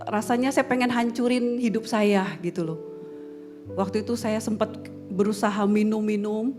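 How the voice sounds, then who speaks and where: A woman as a podcast guest, telling a personal story earnestly and emotionally and acting out what she once said. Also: medium pitch. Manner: earnest and emotional, acting out her own past words.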